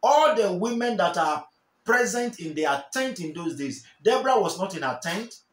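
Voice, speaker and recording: Speaking at a moderate pace, a young Nigerian man gives an expressive, fervent sermon to camera, his high, slightly bright voice sweeping up and down. Seated in an armchair in a small bare room that echoes, he gestures and keeps repeating his key lines.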